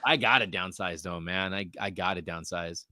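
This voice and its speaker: Joking freely as he reads viewers' comments, a man in his forties hosts a laid-back live podcast about collectibles. His voice is deep, bright, and forceful at a moderate pace. The sound is close and completely dry.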